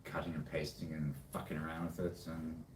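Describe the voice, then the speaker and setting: A man's voice: a bass voice, little pitch movement, a little fast. A man, chatting casually in a laid-back, rambling way. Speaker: co-host and hobby music producer. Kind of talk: casual chat. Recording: roomy, distant, faint background noise.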